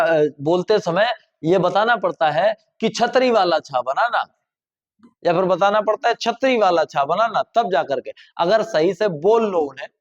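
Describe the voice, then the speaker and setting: A man's voice: high voice, highs cut off. A man teaching a grammar class, explaining pronunciation patiently and repeating example words aloud to stress their sounds.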